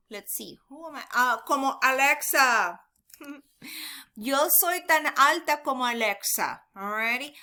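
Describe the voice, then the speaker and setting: Woman, teacher, recorded lesson, slow and deliberate, fairly high voice, patient, thinks aloud. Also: bright, forceful tone. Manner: patient, repeats examples slowly, thinks aloud. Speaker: Spanish teacher. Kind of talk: recorded grammar lesson for students.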